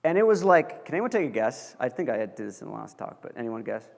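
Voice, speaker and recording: A man's voice: mid-range voice, big pitch swings, quick pace, vocal fry. A young man giving a casual lecture to college students, chatty and joking, full of fillers. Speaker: guest lecturer. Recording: long reverb of a large hall.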